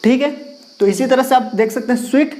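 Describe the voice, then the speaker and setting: A man with a very high, warm voice talks fairly quickly as he teaches English grammar to a class in Hindi. Between writing and erasing on the board, he asks questions and repeats the key words. The audio is poor.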